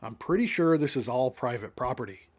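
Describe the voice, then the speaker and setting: A man's voice: mid-range voice, expressive, fairly quick, close to an everyday voice. A man reading the lines of a startled survey worker, hesitant and uneasy.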